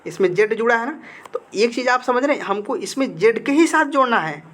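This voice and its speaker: A man's voice: very high voice, lively intonation, brisk, a bit bright. Man teaching grammar in a question-and-answer style. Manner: asks the class questions, then answers them himself; repeats key words for emphasis. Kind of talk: classroom-style lesson with slides.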